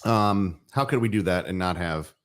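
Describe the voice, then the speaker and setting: A man's voice: low voice, normal speed, fairly bright tone. A man co-hosting a casual drinks chat, easygoing and rambling, with many restarts. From Florida. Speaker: co-host.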